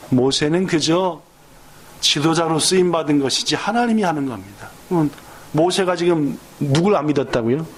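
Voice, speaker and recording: A male pastor preaching a sermon in church, who keeps asking the congregation questions in an animated way. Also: fairly high pitch, a little hiss or hum.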